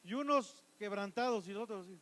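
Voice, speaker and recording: A Mexican pastor with a high male voice preaches fairly quickly in church, posing questions to the congregation and answering them himself. He shifts between loud, emphatic lines and quiet asides, speaking Mexican Spanish on a rough recording.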